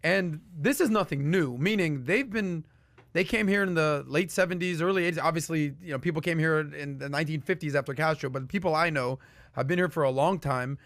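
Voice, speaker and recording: A man from Miami co-hosting a podcast, talking in an animated, talkative way. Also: a little high, a little fast, no room sound. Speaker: podcast co-host. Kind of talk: casual podcast talk.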